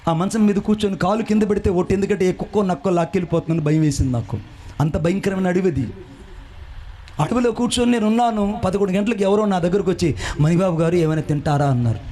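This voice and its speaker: A man preaching a fervent sermon, telling his own story and rising into shouts and chanted phrases. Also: high voice, fast. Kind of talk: sermon with personal testimony.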